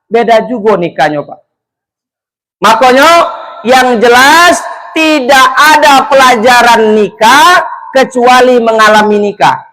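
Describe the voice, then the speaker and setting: A man's voice: extremely high pitch, lively intonation, takes it slowly, long pauses, sharp tone, poor audio. A man giving a humorous wedding sermon, chatty and speaking straight to the couple. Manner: jokey, chatty, addresses the couple directly. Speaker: preacher at a wedding.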